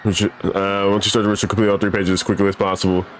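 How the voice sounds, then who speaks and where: Deep-voiced young man reading a game aloud. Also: flat delivery, very fast. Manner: reads game text aloud, swears and nervously laughs. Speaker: gamer streaming a horror game. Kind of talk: casual let's play commentary.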